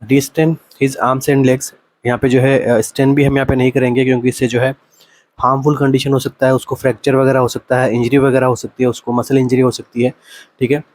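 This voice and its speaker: A male nursing exam coach explaining multiple-choice answers, asking rhetorical questions, answering them himself, and reading the English options out slowly. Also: mid-range voice, flat delivery, a little mellow.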